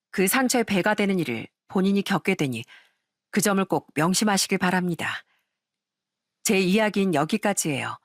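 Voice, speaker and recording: A woman reading a first-person life story in a calm, earnest scripted narration. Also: mid-range voice, no echo, clean studio sound.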